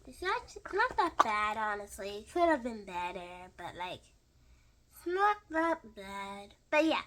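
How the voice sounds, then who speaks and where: A young woman or girl doing a casual unboxing vlog, excitable and gushing with lots of fillers. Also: mid-range voice, measured pace. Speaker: vlogger.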